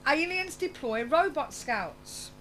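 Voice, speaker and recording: A woman's voice: high-pitched, animated, slow, a bit bright, poor audio. A woman hosting a radio show, reading aloud with chatty asides and stumbling over words, her speech slightly slurred as if from loose dentures. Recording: clear background noise and hum.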